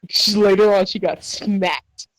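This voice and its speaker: A young woman co-hosting a podcast, telling a story in animated, slangy casual chat. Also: mid-range voice, unhurried, low-quality recording. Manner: animated storytelling, slangy, says "bro" and "dude". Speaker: podcast co-host.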